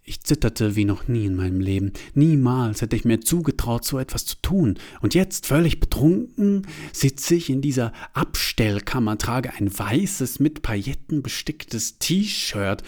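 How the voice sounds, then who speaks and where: A man narrating a first-person story in a confessional way, turning from hushed to agitated. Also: medium pitch, animated, unhurried.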